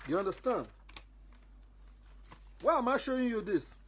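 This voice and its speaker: A man from Ghana makes an indoor appeal straight to camera in a high, husky voice. He repeats himself emphatically and fires off indignant questions. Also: big pitch swings, a little slow, fairly bright tone. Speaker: featured video subject. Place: indoors under a ring light.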